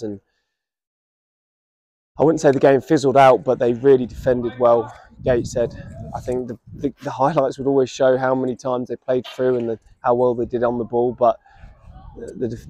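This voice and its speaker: Brief: English male football manager in his thirties, post-match, even flat delivery, dark tone, outdoor pitchside. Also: no room sound. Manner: reflective, measured, many restarts. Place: outdoors by a stadium running track. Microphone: camera at standing distance.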